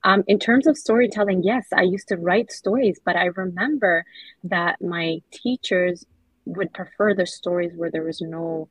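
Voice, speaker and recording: Husky-voiced Somali-born woman, low and flat. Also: no echo, low-quality recording. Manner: earnest, measured, many soft fillers. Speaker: children's book author, guest. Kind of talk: reflective interview answers.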